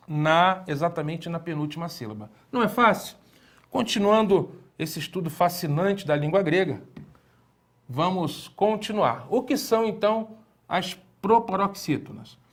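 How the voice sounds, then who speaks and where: A man with a fairly high voice teaching a language lesson at an unhurried pace. He explains patiently, poses rhetorical questions to the viewer and repeats key words slowly for emphasis. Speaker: Greek teacher.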